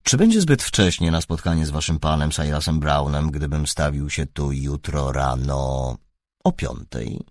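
A man voicing a calm and shrewd male detective who speaks in a soft, measured, dry way. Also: very deep voice, no room sound, voice pushed down, heavily acted.

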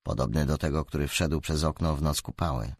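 A man's voice: a bass voice, brisk, husky, no echo, clean studio sound, pitched below the performer's own voice, exaggerated voice. A man voicing a serious, urgent teenage girl in a storybook reading. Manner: insistent, urgent.

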